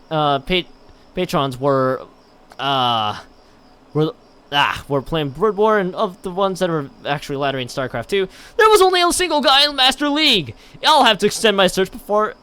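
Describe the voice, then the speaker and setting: Reading a visual novel on a livestream, this man trips over the text, repeating and restarting words while chatting and adding dramatic flair. His voice is high and fairly bright, with a clean tone.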